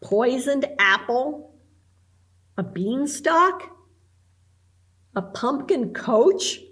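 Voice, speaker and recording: Slow, bright-voiced woman reading aloud. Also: high voice. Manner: clear, expressive storybook narration. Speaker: librarian. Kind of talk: storytime read-aloud.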